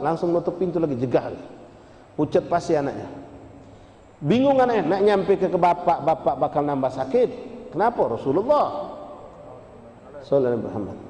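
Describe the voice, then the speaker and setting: A man with a Palembang Malay accent preaching a sermon, telling a story animatedly and acting out its dialogue. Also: on the high side. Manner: animated, acts out dialogue with voice changes. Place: mosque hall. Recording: echoey reverberant mosque hall.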